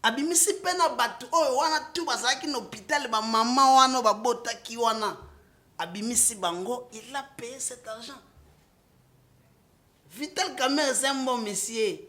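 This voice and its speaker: A man's voice: very high-pitched, normal speed. Congolese-accented male political guest; impassioned, emphatic, swings between French and Lingala. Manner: emphatic, rising to loud outbursts, with restarts. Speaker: political guest, party supporter.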